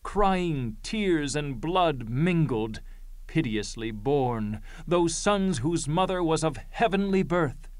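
A grave elder of the Greek chorus, acted by a man declaims tragic verse slowly and solemnly. The voice is measured, in a close, dry recording. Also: fairly high pitch, animated, darkish tone, dry recording. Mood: solemn lament. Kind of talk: classical Greek tragedy verse recital.

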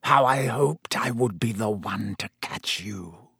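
A man's voice: fairly high pitch, big pitch swings, unhurried, slightly rough, no room sound, studio quality, pitched above the performer's own voice, full character voice. A man voicing a sneering, vengeful schoolteacher with a silky, menacing, contemptuous manner in an audiobook. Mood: silky menace. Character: sneering, triumphant, fanatical male schoolteacher bent on vengeance.

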